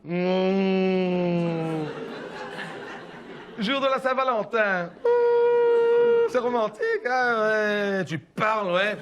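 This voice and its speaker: Here a stand-up comedian plays a gossipy Belgian French mother of middle age, rambling and confiding with plenty of "hein" and "écoute bien." His voice sits high and moves extremely slowly with long pauses. The recording has its highs cut off and heavy background noise.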